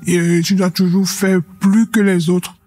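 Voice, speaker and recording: A young woman from Cameroon, giving a measured, reflective personal testimony with hesitant pauses. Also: fairly low pitch, little pitch movement, darkish tone, soft background music. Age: young adult. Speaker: anonymous witness.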